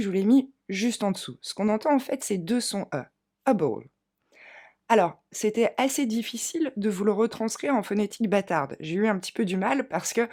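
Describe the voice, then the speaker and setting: A woman teaching an English pronunciation lesson, drilling words slowly for learners to repeat. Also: mid-range voice, warm tone.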